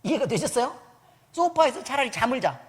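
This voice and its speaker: A woman pastor delivers a sermon in a fairly high voice with lively, swooping intonation. She talks casually and teases her listeners, asking them question after question as if quizzing a class. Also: fairly quick. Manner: asks the congregation constant quiz-like questions; teasing, conversational. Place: church service.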